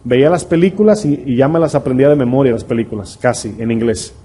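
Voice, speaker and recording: A man's voice: medium pitch, fast, mellow, husky. A middle-aged man, a pastor preaching a conversational sermon full of rhetorical questions to his congregation. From Dominican Republic.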